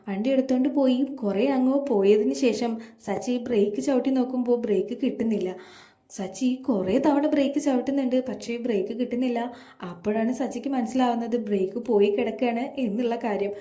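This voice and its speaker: A woman retelling a TV serial's plot in a plain, steady narrating voice. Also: on the high side, roomy sound. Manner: plain steady retelling, reads all dialogue herself. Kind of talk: storytelling recap of a TV serial.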